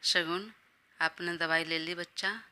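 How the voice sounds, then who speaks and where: A woman voicing a gentle, protective young husband who gives soft but firm instructions, in an audio story. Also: low voice, fairly even intonation, unhurried, full character voice. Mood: caring. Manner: tender, bossy in a caring way.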